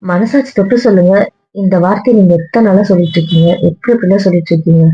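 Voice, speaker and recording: A woman's voice: fairly low pitch, very fast, warm tone, breathy edge, soft background music. A woman in a couple's argument vlog, talking to her partner in a hurt, weary, lecturing way. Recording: dull lo-fi sound.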